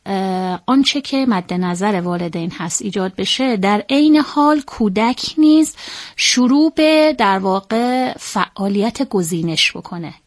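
A woman's voice: mid-range voice, expressive. Methodical woman explaining parenting skills. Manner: measured, methodical, often pauses on fillers to rephrase. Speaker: parenting expert guest. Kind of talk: explanatory interview talk.

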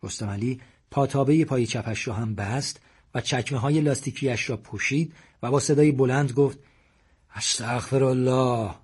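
A man narrating a story audiobook in a steady storytelling voice. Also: mid-range voice, slightly rough.

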